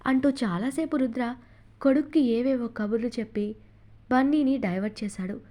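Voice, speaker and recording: A woman narrating a novel as an audiobook in steady, expressive storytelling. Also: fairly high pitch, moderate pace.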